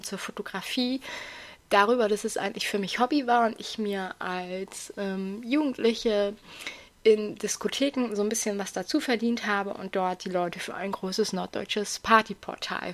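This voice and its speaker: A young adult woman hosts a solo podcast, chatting casually in a hoarse, raspy voice with self-deprecating asides. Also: mid-range voice. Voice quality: raspy, grating voice. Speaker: podcast host.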